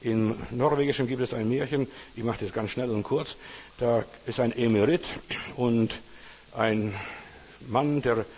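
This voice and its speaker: A man's voice: mid-range voice, steady tone, unhurried, a little mellow, big-room sound. A man preaching a sermon informally, speaking to the listener as a friend and retelling parables. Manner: informal, addresses listener as du, retells stories with acted quotes.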